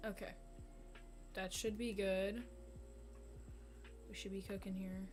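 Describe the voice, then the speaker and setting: A woman streaming while she draws, chatting casually and murmuring soft asides to herself. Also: mid-range voice, little pitch movement, slow, faint music behind. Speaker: art streamer.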